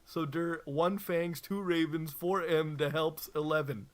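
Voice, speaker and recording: A man voicing a melodramatic, whiny teenage goth girl author, shrill and indignant. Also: steady tone, a little slow, a little hiss or hum, natural voice. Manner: shrill, indignant and over the top.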